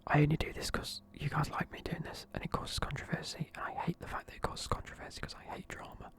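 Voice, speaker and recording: A man's voice: a little high, flat delivery, fast talker, a bit bright. A young man in a casual video, whispering sleepily as he reviews football teams and swears offhandedly. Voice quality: whispering throughout. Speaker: video creator.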